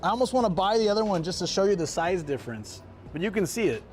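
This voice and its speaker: A man hosting a casual live stream, chatting to viewers in an animated, exclamatory way and repeating phrases for emphasis. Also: high voice, fast, soft background music. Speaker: livestream host. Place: outdoors by street vending machines in a city.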